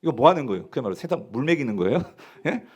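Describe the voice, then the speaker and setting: A man's voice: mid-range voice, very animated, fast, a little mellow, breathy edge. A male pastor preaching a Sunday sermon in a church, asking the congregation questions and answering them himself. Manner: acts out characters' quoted lines. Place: church sanctuary.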